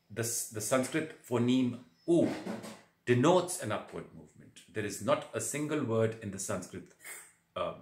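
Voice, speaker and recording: A man giving a spoken yoga breathing lesson, explaining in a halting, deliberate way with repeated words. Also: on the low side. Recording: roomy echo on the voice.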